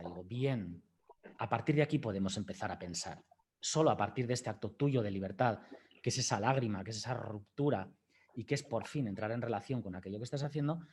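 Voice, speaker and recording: A man's voice: mid-range voice, darkish tone, a little hiss or hum. A man giving a university lecture, reflective and acting out his talks with a student as he tells the story. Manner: reflective, acts out dialogue with a student.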